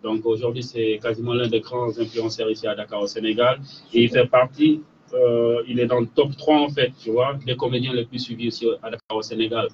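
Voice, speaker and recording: A man's voice: mid-range voice, little pitch movement, a little fast, a little mellow. A man, an artist's manager, talking in a casual radio interview with many fillers. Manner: explains with fillers like "en fait" and "tu vois". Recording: distant, dull radio studio sound with faint hiss.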